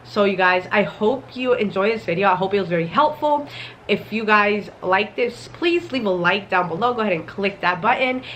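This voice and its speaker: A woman's voice: medium pitch, lively intonation, moderate pace, fairly bright tone. Slightly congested woman over background noise. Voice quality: slightly muffled, congested from a cold. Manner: casual, step-by-step explaining. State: recovering from a cold. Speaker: software engineering YouTuber. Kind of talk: instructional talk to camera.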